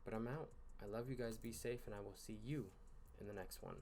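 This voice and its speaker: A man hosting a gaming channel, giving casual commentary over gameplay late at night, tired and yawning, in a relaxed, rambling way with fillers and sighs. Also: on the low side, fairly quick, a little hiss or hum. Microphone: voice-over recorded in one take.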